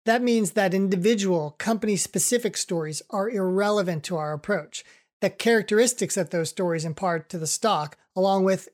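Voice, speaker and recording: An investment adviser reading a scripted financial commentary in a formal, measured and careful way. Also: medium pitch. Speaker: investment adviser giving monthly market commentary.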